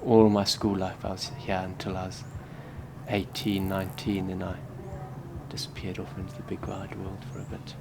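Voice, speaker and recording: A man in his thirties from Zimbabwe, a Buddhist monk answering interview questions in a soft, hesitant way that often trails off quietly. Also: low voice, completely flat delivery, normal speed, creaky, a little hiss or hum. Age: 30s.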